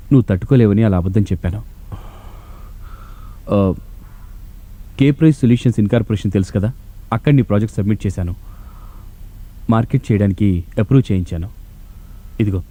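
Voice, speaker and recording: An actor playing a gentle young hero who speaks softly and earnestly. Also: male voice, fairly low pitch, fast talker, pauses often, lightly acted. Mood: apologetic. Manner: soft, earnest.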